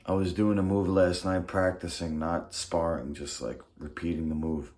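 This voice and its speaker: A low, darkish male voice with little pitch movement rambles at a moderate pace in a casual morning vlog. Having bitten his tongue, which is now swollen, he sounds slightly thick and his articulation is impeded. Echo from the room and faint noise sit under him.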